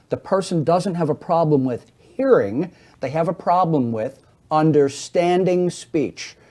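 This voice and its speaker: A man's voice: on the high side, dark tone. A middle-aged man on a talk show explaining hearing to the hosts, teaching in a didactic way and acting out little everyday scenes. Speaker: hearing aid specialist guest.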